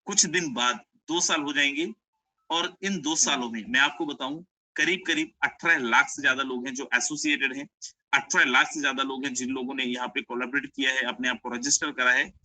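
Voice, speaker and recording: A young man runs an online sales webinar, coaxing listeners to stay and often calling them his friends. His voice is sharp, bright and tense. The sound is dry and close, as on a video-call mic. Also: mid-range voice, a little fast, no echo, poor audio. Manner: persuasive, repeats "my friend", mixes English phrases. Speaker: webinar presenter.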